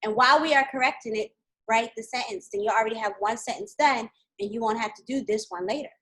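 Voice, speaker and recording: A woman teaching a live online kindergarten lesson, patient and clear, speaking slowly to young children over a video call. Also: on the high side, fairly bright tone, rough recording.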